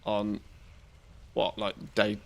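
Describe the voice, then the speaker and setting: A man's voice: on the low side, completely flat delivery, extremely slow, gravelly. A man giving casual, wry gameplay commentary to his group. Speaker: gamer streaming group raids.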